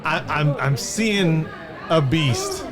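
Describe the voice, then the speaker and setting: Higher-voiced man as wrestling co-commentator. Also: very slow, crowd noise.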